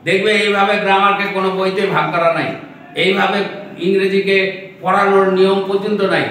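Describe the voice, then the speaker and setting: A man's voice: high-pitched, little pitch movement, a little fast, fairly bright tone, slight background noise. A man teaching an English lesson, explaining step by step and repeating his phrases. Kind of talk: classroom lesson. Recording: echoey room, from far off.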